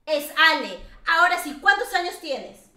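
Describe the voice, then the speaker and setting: Woman, Peruvian Spanish accent, teasing game host, unhurried talk, roomy echo. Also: very high voice, very animated, bright, forceful tone. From Peru. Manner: teasing, laughs often, chatty with fillers. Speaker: streamer host. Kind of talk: casual chat while gaming.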